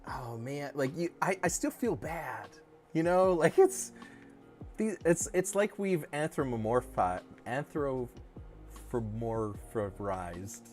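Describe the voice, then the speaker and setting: Middle-aged man, co-host, casual livestream chat, animated pitch, stumbling restarts, faint music behind. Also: slow. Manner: rambling, self-correcting, jokey. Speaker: co-host of a crypto dev livestream.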